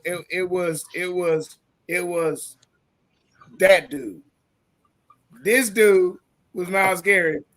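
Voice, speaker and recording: A man's voice: a little high, a bit bright. A man co-hosting a sports podcast, ranting with profanity and stammering restarts. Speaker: podcast co-host. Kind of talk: heated sports talk.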